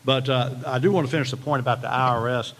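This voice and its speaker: A man's voice: mid-range voice, fairly even intonation, fast talker, a bit bright. Man with a hillbilly Southern US accent. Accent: hillbilly, rural Southern US. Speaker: county financial adviser presenting. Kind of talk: explanatory meeting presentation.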